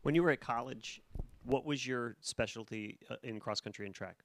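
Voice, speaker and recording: A man's voice: medium pitch, normal speed, fairly bright tone, a little hiss or hum. A man asking questions in a casual, conversational interview.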